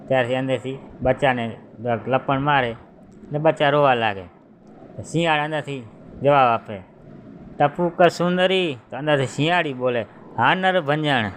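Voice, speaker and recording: A man's voice: medium pitch, a little hiss or hum. A man telling a children's folk tale in a homely, conversational way, voicing the animals as he goes. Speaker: storyteller.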